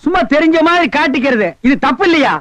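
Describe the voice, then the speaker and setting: An actor playing a brash, scolding male beggar in a comic film scene, talking in quick bossy banter. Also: very high voice, fairly bright tone, dry recording.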